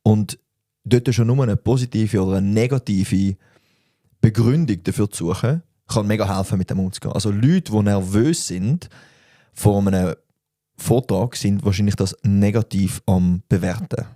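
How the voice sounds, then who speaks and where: A man with a Swiss German accent, co-hosting a podcast, explaining quickly and tossing in jokes. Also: lowish voice, warm tone, no echo, clean studio sound. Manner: quick, joking asides. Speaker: podcast co-host. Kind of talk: casual chat.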